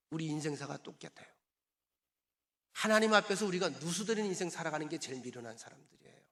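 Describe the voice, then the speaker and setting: Male pastor giving an emphatic sermon, high voice, bright and forceful, calls for responses. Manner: acts out quoted voices in conversational asides.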